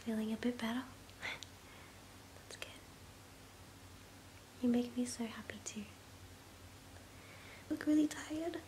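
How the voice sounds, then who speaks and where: A woman's voice: a little high, slow pace, pauses often, warm tone, low-quality recording. A woman in her twenties in a whispered role-play as a sleepy, affectionate girlfriend, soothing and intimate, speaking close to the mic. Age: 20s. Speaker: ASMR performer. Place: small bedroom, indoors. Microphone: close to the mouth. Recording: clear background hiss and ambience.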